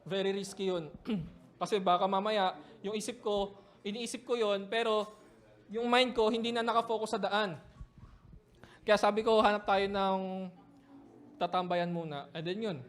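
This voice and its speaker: A man, a pastor telling a personal story in a sermon, moving between hushed reflection and loud, laughing retelling. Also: high voice, steady tone, moderate pace, long pauses.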